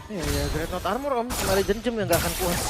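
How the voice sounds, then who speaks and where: Indonesian dude chatting esports analysis real fast, excitable, repeats himself, music playing behind him. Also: male voice, high voice. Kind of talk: live esports commentary, conversational analysis. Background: loud music.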